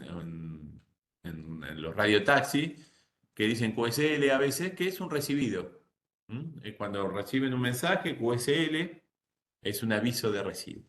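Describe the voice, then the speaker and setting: A man's voice: lowish voice, fairly bright tone. A middle-aged man lecturing a boating class, explaining patiently and often checking in with his listeners. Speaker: nautical course instructor. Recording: roomy echo.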